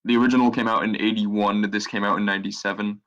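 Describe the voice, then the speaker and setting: Laid-back guy on a movie podcast, low monotone, dry comments. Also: fast, lo-fi sound. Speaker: podcast co-host. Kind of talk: casual movie podcast chat.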